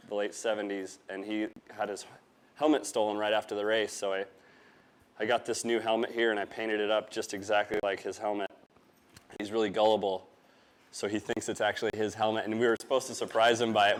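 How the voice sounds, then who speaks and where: A young man from Norway, raised in Arizona, talking casually over slides about his motorcycle shop, halting and full of fillers. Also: lowish voice, clean tone. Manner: halting, filler-heavy, laughs easily. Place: event space before a live audience.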